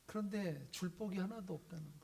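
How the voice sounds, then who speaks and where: A pastor with a slightly higher male voice delivers a sermon. He moves between calm explanation and acted-out dialogue for the story's characters. He often turns to the congregation with questions. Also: quick pace, vocal fry, breathy edge. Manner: animated storytelling, acting out biblical characters' lines.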